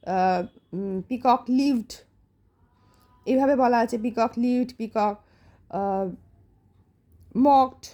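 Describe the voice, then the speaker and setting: Woman teacher, slightly high but mellow voice; patient, spells words out slowly for the class. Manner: slows down to read English example sentences. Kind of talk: classroom vocabulary lesson.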